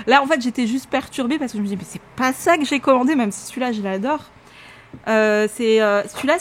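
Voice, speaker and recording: A young woman from France chatting casually to camera in a vlog, animated and full of fillers. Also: fairly high pitch. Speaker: vlogger. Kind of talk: casual unboxing chat to camera.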